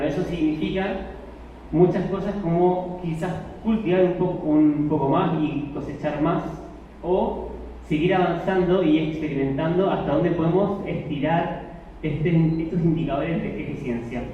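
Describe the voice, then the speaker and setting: A man's voice: a little high, fairly even intonation, normal speed, slight background noise. Chilean man presenting in an echoey hall. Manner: many self-repetitions and restarts. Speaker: conference speaker on water efficiency. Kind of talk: live presentation to an audience. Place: event hall. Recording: echoey hall from a distance, dull sound.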